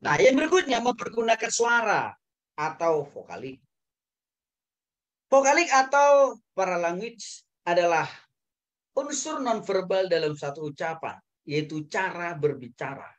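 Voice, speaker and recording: A man, a pastor, giving a lecture to a Bible school class, animated, swinging between loud emphatic highs and soft low asides and often tagging his phrases with a quick "ya" or "saudara".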